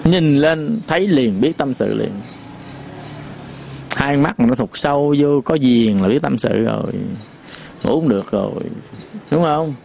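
A man giving a Buddhist sermon, folksy and repetitive, sometimes chanting verse lines slowly. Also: medium pitch, animated, vocal fry, a little mellow, a little hiss or hum. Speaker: Buddhist teacher.

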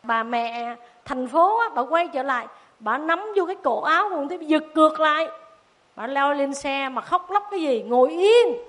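A Buddhist nun, telling a story to children in a dharma talk and asking them questions. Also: female voice, high-pitched, moderate pace. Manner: animated, asks the children questions.

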